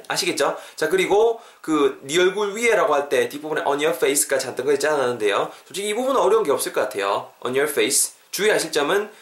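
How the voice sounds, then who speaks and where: A man's voice: fairly high pitch, reverberant. A Korean man teaching an English expression on a podcast, drilling phrases for listeners to repeat.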